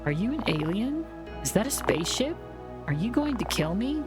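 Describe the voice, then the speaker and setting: A woman's voice: a little high, very animated, moderate pace, music in the background, voice pushed up. A woman voicing a nervous young boy in a game, speaking in a timid, pleading way. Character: nervous young boy in a bleak small town. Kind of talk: reading game dialogue aloud.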